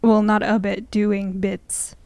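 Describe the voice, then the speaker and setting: A woman's voice: mid-range voice, level tone, slow pace, creaky, dark tone, no echo. A young woman co-hosting a casual chat, giggly and easily flustered. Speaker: co-host.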